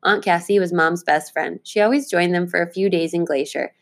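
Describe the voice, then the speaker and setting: A woman teacher reading a children's book aloud to her class, with clear, expressive delivery. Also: fairly low pitch, brisk.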